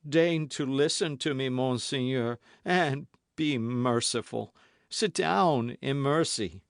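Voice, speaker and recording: In a natural-sounding studio recording with a dry sound, a man performs the part of a frightened, shaking middle-aged innkeeper pleading for mercy. He reads at a measured pace with lively intonation, his medium pitch raised above his own voice.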